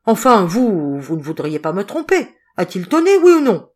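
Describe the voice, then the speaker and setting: A woman reading the lines of a stern, suspicious old man in an audiobook, in a gruff and insistent way. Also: fairly low pitch, expressive, normal speed, darkish tone.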